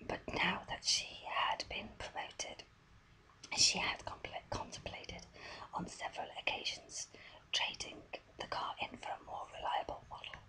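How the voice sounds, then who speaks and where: A voice whispering softly and breathily, reading a story aloud in a deliberate ASMR style, close to the microphone. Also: poor audio. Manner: soft, deliberate story reading with small stumbles.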